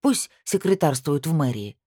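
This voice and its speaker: A woman's voice: deep voice, very animated, moderate pace, mellow, husky, no room sound, studio quality, exaggerated voice. A woman voicing an aggrieved young bride who complains heatedly in an audiobook. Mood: resentful. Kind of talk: audiobook character reading.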